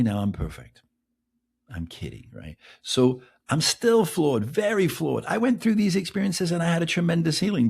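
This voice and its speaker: A middle-aged man, hosting his podcast in a casual, self-mocking monologue. His voice is gravelly and a bit husky, swinging widely in pitch as he fires off rhetorical questions. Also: darkish tone. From England. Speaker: podcast host.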